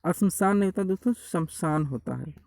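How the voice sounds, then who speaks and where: A man delivers an online spelling lecture, drilling corrections and calling his viewers friends. His voice sits fairly high but sounds mellow. The recording is dry and close, with faint birdsong behind him. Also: a little fast, vocal fry, no echo, rough recording. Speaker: Hindi spelling teacher. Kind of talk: online exam-prep lecture.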